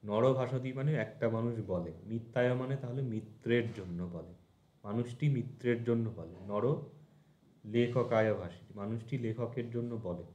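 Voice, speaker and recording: A man's voice: medium pitch, darkish tone, reverberant. A man teaching a language lesson with a Bengali accent, patiently breaking words into syllables and repeating endings. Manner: slow, patient, spells out word endings syllable by syllable.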